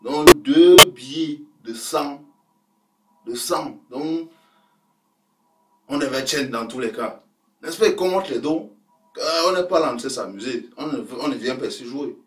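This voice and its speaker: A man telling a comic personal story in lively slang, with punchy asides to his listeners. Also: medium pitch, measured pace, pauses often, faint music behind. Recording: roomy sound from a distant mic.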